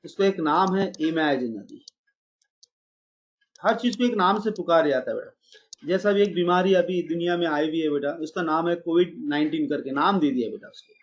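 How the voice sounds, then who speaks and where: Man, math teacher, high pitch, online lecture, calls students beta, dull lo-fi sound. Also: normal speed. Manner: calls students "beta", mixes English math terms into Hindi.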